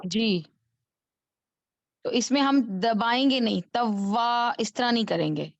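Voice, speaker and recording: A woman student asking a hesitant question in an online class, with pauses and restarts, heard over a video call. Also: fairly high pitch, gravelly, no room sound, lo-fi sound.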